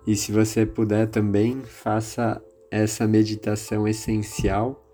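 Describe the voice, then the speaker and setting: A man with a Brazilian accent leading a guided meditation in a calm, soothing, measured manner. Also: on the low side. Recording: music behind the voice. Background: music.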